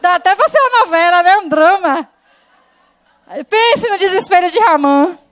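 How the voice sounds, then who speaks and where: A woman preacher retelling a Bible story in a lively sermon, often putting rhetorical questions to the congregation. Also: very high voice, moderate pace.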